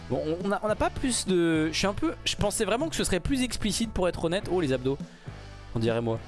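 A man giving casual, excited commentary while reacting to a game trailer, rambling with many fillers and restarts. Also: high voice, fast, faint music behind. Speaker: gaming YouTuber reacting to a trailer.

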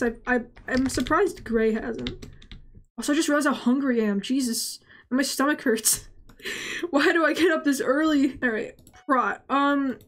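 A woman's voice: on the high side, a little hiss or hum. A woman with a stuffy, congested voice gives casual gameplay commentary, rambling and stammering as she talks to herself. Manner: rambling, stammering self-talk. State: congested nasal voice. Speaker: gaming channel host.

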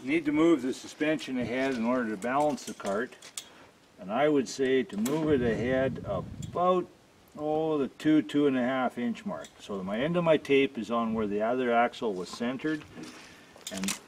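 A man of ordinary pitch narrates his own work as he goes, in a plain, practical step-by-step way. He is recorded in a workshop, and the sound of tools and mechanisms comes through clearly around his voice. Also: moderate pace, a little hiss or hum. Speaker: cart builder demonstrating an install. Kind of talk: hands-on how-to demonstration.

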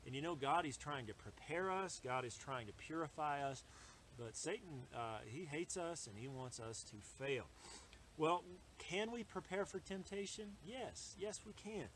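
A man preaching a sermon in a halting way, with many fillers and restarts. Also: a little high, animated, a bit bright, slight background noise. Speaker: pastor.

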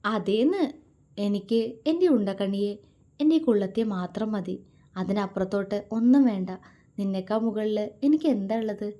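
A woman's voice: medium pitch, expressive, normal speed, mellow, natural voice. A woman voicing a young husband in a romance story, playful and affectionate as he teases his wife. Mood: tender. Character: teasing, tender young husband.

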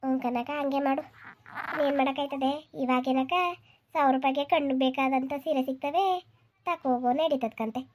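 A woman voicing a calm neighbor village woman in a comedy cartoon, speaking softly. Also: moderate pace, lightly acted. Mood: soothing. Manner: soft, lower and quieter, soothing.

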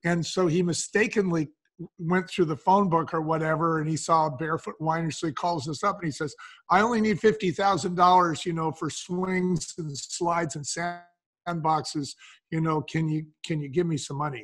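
A wine company co-founder, appearing as an interview guest, tells anecdotes conversationally and acts out the quoted dialogue. His voice is a little high and steady, at a moderate pace.

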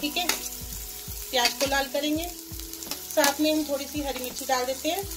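In a very noisy recording with music behind her, a home cooking vlogger with a high voice chats casually. She moves at a moderate pace through a recipe, one step at a time.

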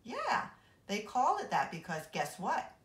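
A woman's voice: a little high, wildly swooping pitch, a little slow, a bit bright, pitched above the performer's own voice, full character voice. A woman reading aloud, voicing a chatty, offhand schoolgirl. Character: casual, offhand schoolgirl friend. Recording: roomy echo.

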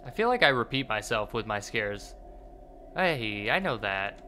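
A man streams a horror game with casual commentary in a bright, edgy voice. He mutters asides to himself and talks back to the game, swearing at times. Faint game ambience and keyboard noise sit behind him. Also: fairly low pitch, sing-song, unhurried.

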